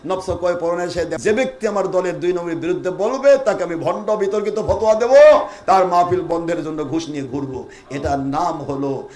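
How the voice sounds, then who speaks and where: High-voiced man preaching a fiery sermon. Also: fairly quick, a little mellow. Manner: call-and-response with audience, scolding and rhetorical questions. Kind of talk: Bengali waz sermon.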